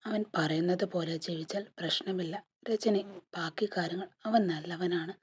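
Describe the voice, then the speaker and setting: Brief: narrator doing a scared young mother, breathy and low, dull lo-fi sound. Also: fairly even intonation, moderate pace. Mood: fearful, subdued. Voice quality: husky, breathy. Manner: fearful, subdued. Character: frightened, timid young mother. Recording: dull lo-fi recording.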